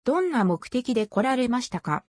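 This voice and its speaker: Quick, high woman reading phrases. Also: very animated, a little mellow, a little hiss or hum. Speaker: phrase reader.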